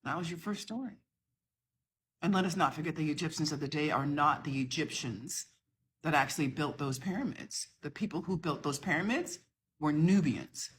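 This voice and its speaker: Woman, middle-aged, from the southern US, deep tone, very animated delivery, emphatic to-camera rebuttal. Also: normal speed, slight background noise. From southern United States. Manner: impassioned, emphatic, lecturing. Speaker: social media creator. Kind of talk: talking to camera, responding to a video.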